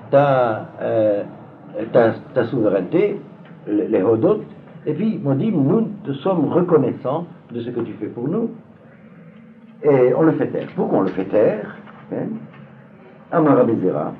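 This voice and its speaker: A man's voice: medium pitch, very animated, measured pace, long pauses. A man teaching a Talmud seminar to a class, hesitant, with many fillers and repeated words. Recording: phone-like lo-fi recording with faint noise.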